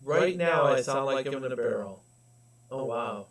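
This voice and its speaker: A man's voice: medium pitch, animated, normal speed. A man chatting with viewers on a live stream, his voice hollow and echoey as if inside a barrel. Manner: chatty, talks to viewers in the chat. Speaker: coin roll hunting livestreamer. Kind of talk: casual live stream chat. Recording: echoey and far from the mic, faint noise.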